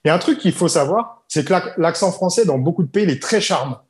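French man, slightly high voice, echoey room. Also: lively intonation, brisk. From France. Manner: explains with examples, repeats key points. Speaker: English teacher. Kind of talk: casual podcast conversation.

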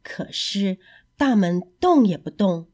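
Animated woman telling a children's story. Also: medium pitch, slow. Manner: expressive, animated.

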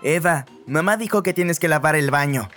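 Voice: medium pitch, normal speed, a bit bright, faint music behind, close to an everyday voice. Someone playing an insistent bossy older brother.

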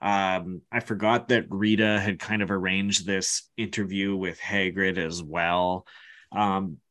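A man's voice: sits low, steady tone, slow, fairly bright tone. A man co-hosting a podcast, talking casually and a little hesitantly as he explains his thoughts on a book. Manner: thoughtful, hedging, explains things. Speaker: podcast co-host.

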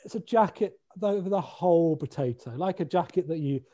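A man's voice: on the high side, fairly quick, warm tone. A man with a British accent chatting casually, dry and matter-of-fact, often trailing off mid-sentence. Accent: British English. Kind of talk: casual chat.

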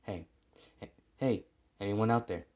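A man voicing a confused, desperate lost man who talks to himself and breaks into shouting. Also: low voice, normal speed, husky, lo-fi sound. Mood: calling out.

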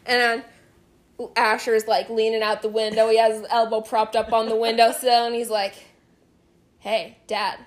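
A woman's voice: fairly high pitch, normal speed. A young adult woman co-hosting a podcast, telling a story in casual chat and acting out the voices of the people in it. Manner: animated, acts out voices in stories. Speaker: podcast co-host.

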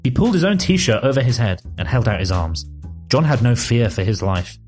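A man's voice: medium pitch, very animated, a little fast, darkish tone, faint music behind. A man reading a silly story aloud and chatting about it with a co-host. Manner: reads aloud evenly, breaks into laughter and banter. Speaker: narrator reading a generated story. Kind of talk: comic story reading and podcast chat.

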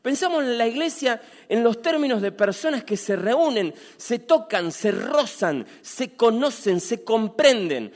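Animated high-voiced Rioplatense pastor preaching. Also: male voice, a little slow, few pauses, big-room sound. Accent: Rioplatense Spanish. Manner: animated, acts out quoted dialogue, repeats phrases. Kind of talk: sermon.

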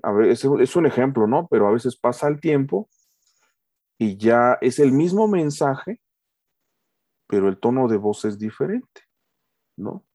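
A middle-aged man teaching a casual lesson, often pausing with fillers and restarts and checking that listeners agree. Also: mid-range voice, expressive, warm tone, dry recording. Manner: talks with many fillers and restarts, asks for agreement. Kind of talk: casual lecture.

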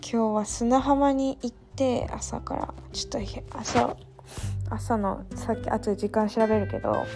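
A young woman talks in a loose late-night monologue, slipping into rants and teasing herself. Her voice sits a little high with a gravelly, creaky edge. Soft music plays faintly behind her. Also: expressive, measured pace. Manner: chatty, ranting, self-mocking. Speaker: vlogger.

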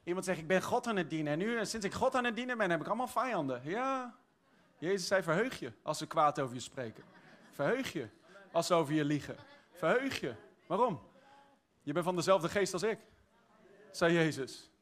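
A man preaching a sermon, exuberant, swinging from shouted praise to quiet, chatty storytelling. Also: high-pitched, lively intonation, brisk. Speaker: pastor.

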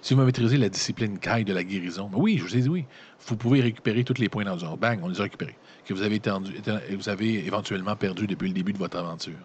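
A man's voice: on the low side, slight background noise. A man with a Quebec French accent reading a gamebook aloud and breaking off into casual, slangy joking asides. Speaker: gamebook reader and player.

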